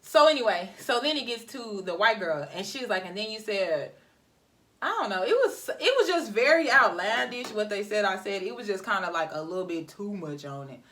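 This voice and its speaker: A woman's voice: medium pitch, moderate pace. A young woman vlogger chatting animatedly to viewers while doing her hair, telling a story about work. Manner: animated, talks to viewers as y'all. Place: home, getting ready. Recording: voice somewhat far from mic.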